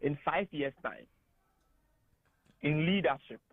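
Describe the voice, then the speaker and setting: A man with a Ghanaian English accent, speaking as a guest analyst on a radio talk show, animated and emphatic. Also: on the high side, takes it slowly, no room sound. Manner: animated and emphatic, laughs often. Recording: tinny phone-like radio studio sound.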